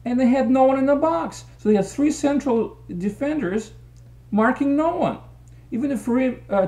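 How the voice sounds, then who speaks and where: His voice is high but dark in tone as this middle-aged soccer commentator offers an opinionated post-match breakdown. He sits in a small room speaking into a desk webcam, gesturing as he explains tactics.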